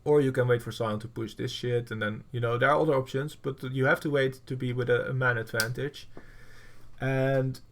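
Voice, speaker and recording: Brief: male coach, gravelly voice, middle pitch, blunt and profane while reviewing gameplay, plenty of fillers. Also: fairly even intonation, moderate pace, a little hiss or hum. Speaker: game coach.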